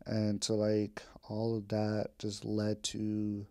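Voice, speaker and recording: Recorded at home with no room sound, this twenty-something vlogger chats to his audience in a loose catch-up podcast, wandering from topic to topic with candid slang and the odd curse. He speaks slowly, and his fairly low, warm voice is smooth but entirely flat in delivery.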